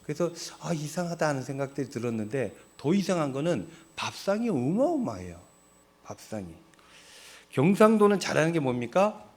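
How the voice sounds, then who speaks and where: A man's voice: medium pitch, very animated, moderate pace. A middle-aged Korean man from Seoul, preaching a sermon in a chatty way, asking his congregation questions and answering them himself. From Seoul, South Korea. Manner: conversational, asks the congregation questions and answers them, laughs at his own jokes. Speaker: pastor.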